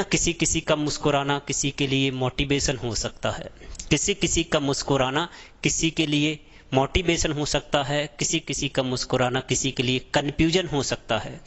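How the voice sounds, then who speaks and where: A man's voice: medium pitch, a bit bright. A man teaching a math lesson, explaining with a folksy story and often checking that students follow. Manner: chatty, addresses students as beta and sahab, asks checking questions.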